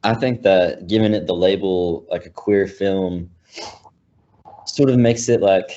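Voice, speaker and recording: A man's voice: sits low, unhurried, dark tone, muffled recording, slight background noise. A young man in casual film discussion, talking hesitantly with many fillers and restarts. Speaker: college student panelist.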